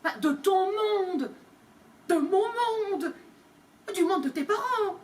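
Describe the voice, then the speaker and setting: Hagrid, a woman doing a booming indignant giant. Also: slow. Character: huge gruff male giant groundskeeper. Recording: distant mic, faint room noise.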